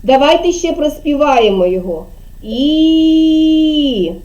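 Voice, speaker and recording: Woman teaching little kids in kindergarten, high soft voice, slow and patient, stretches her words. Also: expressive, lo-fi sound. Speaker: preschool teacher. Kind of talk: teaching young children. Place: kindergarten classroom.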